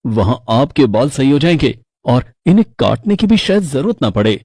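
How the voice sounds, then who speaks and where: Man playing a stern young husband, mellow. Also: mid-range voice, very animated, normal speed, husky, no echo, studio quality. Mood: firm. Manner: firm, reproachful.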